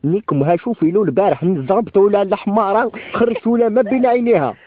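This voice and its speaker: An Algerian man with a high voice talks fast over a landline phone, the sound thin and narrow. He is crude and argumentative, bantering heatedly and peppering everything with swearing. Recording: thin, band-limited landline phone call.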